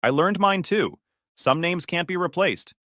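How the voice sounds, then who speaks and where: A man reading a scripted first-person story in an even, measured way. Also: high-pitched, no room sound, studio quality. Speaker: story narrator.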